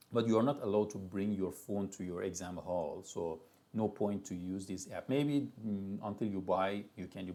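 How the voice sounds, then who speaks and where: Persian-accented male lecturer, lowish voice, relaxed classroom talk full of restarts and asides. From Iran. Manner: loose, chatty lecturing with many restarts and fillers. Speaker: university lecturer.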